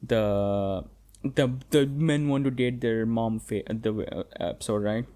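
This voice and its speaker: A young man talking alone on his podcast, rambling freely, swearing casually and stopping to restart his sentences. His voice sits at an ordinary middle pitch. He keeps the loose feel of a casual monologue. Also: fairly even intonation, a little slow, warm tone, clear, resonant tone. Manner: rambling and profane, many fillers and restarts. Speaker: podcast host.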